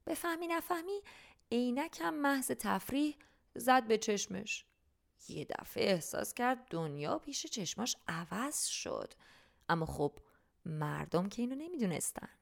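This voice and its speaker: A woman narrating a humorous storybook for teenagers in a playful, lively manner. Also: a little high, creaky.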